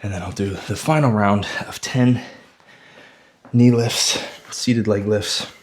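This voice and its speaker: Fitness coach, male, winded and low-pitched, slow deliberate delivery, breathy rep counting. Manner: counts reps aloud, trailing off breathy mid-set. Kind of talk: follow-along workout instruction.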